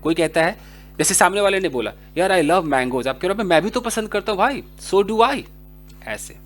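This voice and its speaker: A man gives a casual English lesson, talking straight to his viewers. His pitch swings widely as he acts out short example dialogues in different voices. His delivery is chatty and explanatory. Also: expressive, normal speed, a bit bright. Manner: chatty, addresses viewers directly. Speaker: English teacher.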